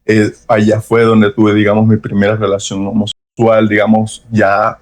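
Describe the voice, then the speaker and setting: A man's voice: on the low side, monotone. A young Venezuelan man with a Venezuelan accent, giving a personal testimony as a podcast guest in an earnest, reflective way. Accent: Venezuelan Spanish. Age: young adult. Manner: earnest, reflective, with frequent pauses and hedges.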